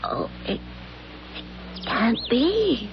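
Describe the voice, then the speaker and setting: A woman's voice: fairly high pitch, very animated, unhurried. A woman playing a nagging, bossy, easily fretful wife in an old radio drama, with fussy, dramatic delivery. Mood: fretful, alarmed. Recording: noisy, muffled old radio recording.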